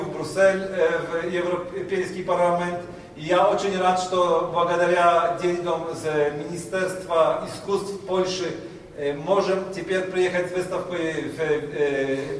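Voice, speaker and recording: Male speaker, high voice, Polish accent, halting non-native delivery of an opening address, heard from afar in a very echoey hall. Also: steady tone. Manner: halting, searching for words in non-native speech. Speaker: exhibition organizer. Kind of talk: public speech at an exhibition opening. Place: large reverberant indoor hall. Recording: very echoey hall, distant mic, faint noise.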